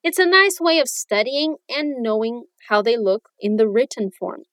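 High-voiced upbeat woman teacher. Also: measured pace, fairly bright tone, dry recording, studio quality. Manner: clear, upbeat teacher modeling phrases for repetition. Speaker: English teacher, podcast host. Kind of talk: bilingual language lesson podcast. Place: lives in New Zealand.

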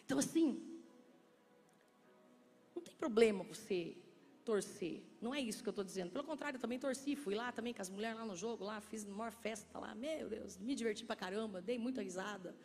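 A woman pastor preaching a sermon, playful and joking with the congregation, then slowing into soft, intimate speech. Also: mid-range voice. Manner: slows and softens into quiet, intimate speech. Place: church sanctuary. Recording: long church reverb.

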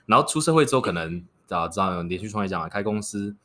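Fast-talking man in his twenties, deeper voice. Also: animated, fairly bright tone. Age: 20s. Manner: joking, cheeky. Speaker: podcast guest. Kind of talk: casual relationship talk.

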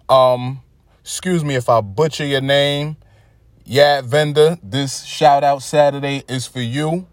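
A man with a Brooklyn, New York accent talks casually to his listeners in a relaxed monologue. His voice sits at an ordinary middle pitch. The sound is dry and close, with no room around it. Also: dry recording. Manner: laid-back, conversational, chuckling asides. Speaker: podcast host.

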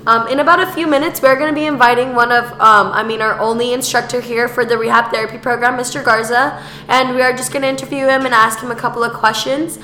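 A woman's voice: a little high, fairly even intonation, fast talker, pushed and bright. A teenage young woman hosting a casual student podcast, enthusiastic though her voice is a little groggy from being sick. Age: teens, high school senior. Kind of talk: casual upbeat podcast chat. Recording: echoey room.

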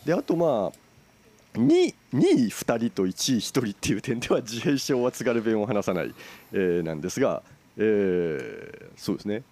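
A man with a lowish voice hosts a relaxed book club talk. His speech rises and falls a lot as he moves the group along. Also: moderate pace. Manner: chairs the meeting, calls on each member in turn. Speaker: host. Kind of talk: casual book club chat.

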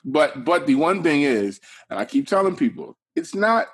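A young adult man from Atlanta, co-hosting a podcast with relaxed, wry commentary. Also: on the high side, normal speed, breathy edge. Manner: laid-back, wry asides. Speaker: podcast co-host. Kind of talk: casual chat.

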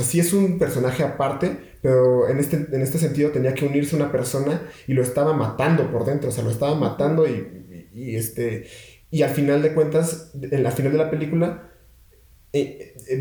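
Mellow-voiced young man in an echoey room. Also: mid-range voice. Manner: rambling, many restarts and fillers. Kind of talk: casual chat.

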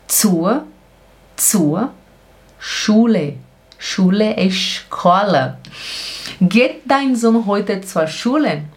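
A woman teaching German in Brazilian Portuguese, slowly and patiently repeating each phrase. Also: mid-range voice. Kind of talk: language lesson.

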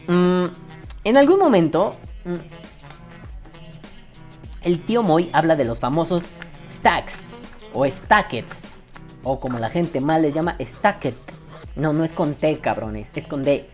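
A man's voice: on the high side, lively intonation, measured pace, pauses often, faint music behind. A Mexican man hosting a casual commentary, crude and sarcastic as he critiques another creator. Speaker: vaping commentary host. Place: at his desk on camera.

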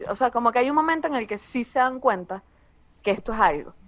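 A woman's voice: a little high, animated. Blunt, profane Venezuelan woman comedian. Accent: Venezuelan Spanish. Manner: blunt and profane, quick asides. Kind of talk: casual podcast conversation.

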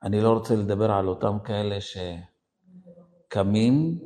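A rabbi teaching a lesson to a live audience, telling a story and acting out scenes in different voices. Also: male voice, lowish voice, mellow.

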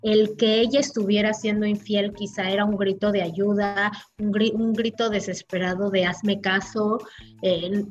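A woman co-hosting a film review chat, talking in a lively way with lots of restarts and fillers. Her voice sits at a middle pitch. The recording is a little dull, with faint music underneath. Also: unhurried. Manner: animated, talks through restarts and fillers. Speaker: film podcast co-host.

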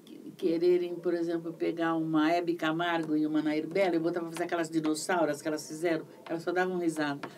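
A middle-aged Brazilian woman with a fairly low voice, talking shop as a voice actress in a relaxed interview. She tells her stories with lively repetition. The mic sits some way off, with faint background noise. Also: fast, distant mic. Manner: animated, repetitive storytelling. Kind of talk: casual interview chat.

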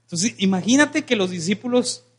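A man's voice: high voice, normal speed, breathy edge. A young man with a Mexican Spanish accent preaching a sermon as pastor, joking and calling on the congregation to answer him. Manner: lively, joking preacher who calls for congregation responses.

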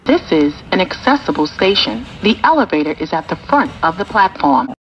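A woman's voice: lowish voice, very animated, moderate pace, highs cut off, slight background noise. A woman reading scripted public transit announcements as a train announcer.

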